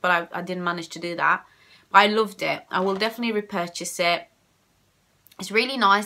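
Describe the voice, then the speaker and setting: A woman's voice: mid-range voice, sharp tone. A young woman from Romania with a Romanian accent, chatting casually through a beauty product review at home, rambling and repeating herself. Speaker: beauty vlogger. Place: home room with shelves of cosmetics.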